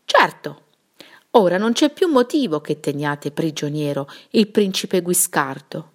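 A woman's voice: fairly low pitch, expressive, unhurried. A woman voicing a cheerful, confident young shepherd in a storybook reading.

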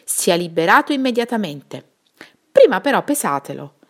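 A woman's voice: mid-range voice, big pitch swings, normal speed, fairly bright tone. A woman voicing an impulsive, generous nobleman in a fairy-tale reading. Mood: jubilant. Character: jubilant old count, generous and impulsive.

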